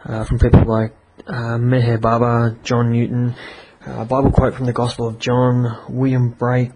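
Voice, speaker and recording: A man casually reviewing a comic on his podcast, chatty and halting with many fillers. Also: medium pitch, monotone, darkish tone, a little hiss or hum, poor audio. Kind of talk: casual review and story reading.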